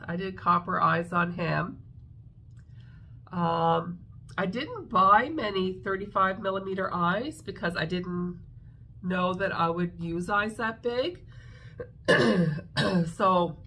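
A craft vlogger with a congested, stuffy voice shows off her crafts in casual show-and-tell chat, thinking aloud as she goes. Her voice is fairly low and fairly bright, with slight background noise.

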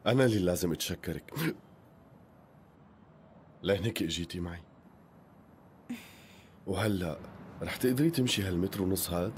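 A man's voice: low-pitched, expressive, moderate pace, long pauses, a little hiss or hum. An actor dubbing a teasing, attentive doctor in his thirties in a TV drama, with a Syrian accent. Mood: calm, considerate. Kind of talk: dubbed TV drama dialogue.

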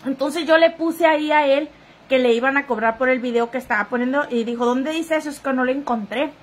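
Speaking a little fast in a high voice, a woman hosts a relaxed gossip live stream, addressing viewers directly and thanking commenters. Her nose is runny so she sniffles now and then, and there's a slight hiss or hum.

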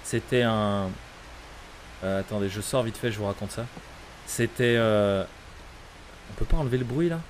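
A man's voice: lowish voice, moderate pace, long pauses, a little hiss or hum. Chatty man streaming a horror game. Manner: chatty, swears, greets chat viewers by name. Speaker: gaming streamer. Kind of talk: live gameplay commentary.

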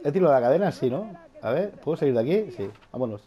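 A man giving casual, excitable gameplay commentary, laughing often and swearing casually. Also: mid-range voice, fast talker, lo-fi sound, a crowd in the background. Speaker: gaming youtuber.

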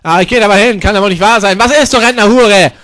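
A man performing a crude comedy sketch, hurling insults and mixing English words into his talk, with catchphrases stretched into drawn-out yells. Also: high-pitched. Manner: repeats catchphrases in a drawn-out yell.

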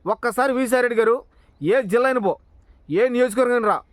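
Guy ranting fast at a politician, keeps firing questions, dry close mic. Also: very high voice, dry recording. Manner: confrontational, addresses the target directly with rhetorical questions. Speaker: political commentator, channel owner. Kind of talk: heated political monologue.

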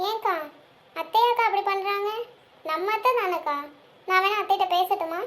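A woman's voice: very high-pitched, moderate pace, fairly bright tone. Woman doing a playful cartoon younger sister. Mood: concerned. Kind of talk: cartoon voice acting.

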